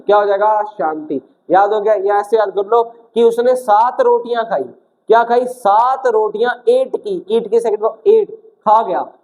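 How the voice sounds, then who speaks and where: A young man teaching exam vocabulary in a lively classroom style, asking questions and answering them himself and acting out little stories. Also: sits high, low-quality recording. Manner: acts out little stories with shouted quotes. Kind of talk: energetic classroom-style video lesson.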